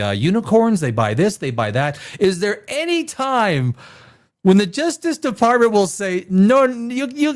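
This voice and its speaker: A man in his fifties hosting a live stream, talking in a rambling, opinionated way with many restarts while reading viewer comments. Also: high voice. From born in Czechoslovakia, raised elsewhere. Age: 50s. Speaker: live show host reading chat.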